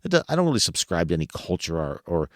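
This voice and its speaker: A man's voice: low-pitched, very animated, fast talker, no echo, studio quality. A man hosting a podcast, talking casually to listeners, asking them rhetorical questions and chuckling as he goes. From United States. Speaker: podcast host.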